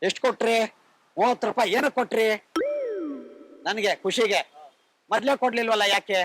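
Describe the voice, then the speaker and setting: A man's voice: high voice, steady tone, fairly quick, fairly bright tone. A man playing a pushy prankster posing as a holy man, scolding and ordering people about in a hidden-camera prank. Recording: noisy street recording.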